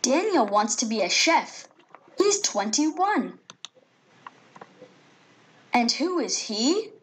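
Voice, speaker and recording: A woman's voice: high voice, very animated, very slow, slight background noise, full character voice. A woman voicing Nick, a cheerful young schoolboy. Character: cheerful nine-year-old boy introducing his family. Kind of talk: recorded textbook listening audio.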